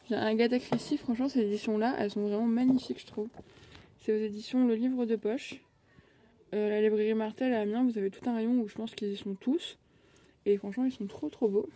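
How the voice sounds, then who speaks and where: A woman's voice: on the high side, background noise. A young woman casually chatting at home on her phone, filling her sentences with hesitations. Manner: chatty, lots of hesitation fillers. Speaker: vlogger. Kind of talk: casual bookshelf tour.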